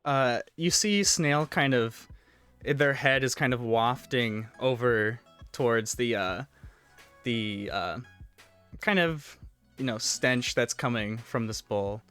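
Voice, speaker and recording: A man's voice: medium pitch, slow, a bit bright, clean tone. A man improvising narration as the game master of a tabletop role-playing game. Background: music.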